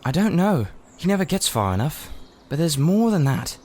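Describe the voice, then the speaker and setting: A wound-up, defiant young boy from a storybook , put on by a male narrator. His pitch is raised and lively, and he blurts complaints in a rush, over faint noise. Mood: secretive, wary. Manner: breathless, rushed, blurting complaints.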